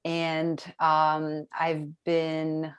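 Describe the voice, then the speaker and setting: A woman from Romania who works as a health coach speaks as a webinar guest over a video call. Her voice sits very low for a woman. She talks in a loose, chatty way, full of fillers and restarts. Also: completely flat delivery, extremely slow, smooth. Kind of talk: casual webinar testimony.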